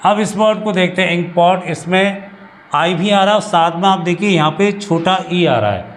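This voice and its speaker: Male Hindi teacher explaining, slightly higher voice. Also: a little hiss or hum. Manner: explains slowly with many repetitions and restarts. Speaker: English teacher. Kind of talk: classroom-style grammar lesson.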